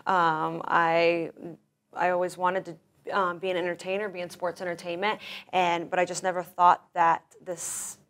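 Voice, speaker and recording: An enthusiastic woman in her thirties talks through a casual interview. Her voice sits a little low for a woman. She rambles, circles back and restarts her sentences often. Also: flat delivery, measured pace, a bit bright. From grew up in Russia, born in Florida. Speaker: guest, professional wrestler.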